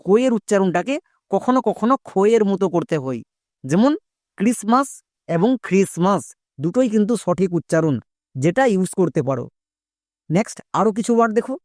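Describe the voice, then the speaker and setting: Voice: medium pitch, lively intonation, fairly quick, darkish tone, no room sound, clean studio sound. A Bengali-speaking teacher giving an online English pronunciation lesson, spelling words out letter by letter and quizzing viewers with questions.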